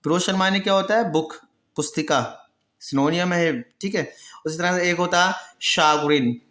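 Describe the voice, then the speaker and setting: A male teacher giving a vocabulary lesson, who explains patiently, answers his own questions and repeats each word slowly. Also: high voice, fairly bright tone, echoey room. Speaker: English pronunciation teacher. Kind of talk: Hindi-language vocabulary lesson.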